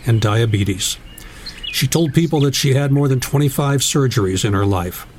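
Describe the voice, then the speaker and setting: A man reading a written tribute aloud as narrator, in a measured, solemn storytelling manner. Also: mid-range voice, a little mellow, a little hiss or hum.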